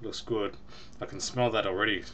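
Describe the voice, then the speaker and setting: A man's voice: on the low side, fairly even intonation, normal speed, very noisy. A young man casually reviewing a beer at home on a webcam, chatty and rambling with ums and small laughs. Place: small room at home, indoors.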